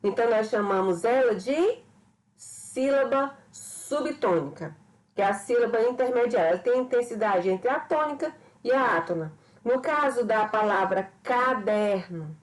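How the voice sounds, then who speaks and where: A woman's voice: medium pitch, rough recording. A woman teacher giving a recorded grammar lesson, explaining patiently and often checking with her students. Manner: explanatory, repeats points and checks with "certo?".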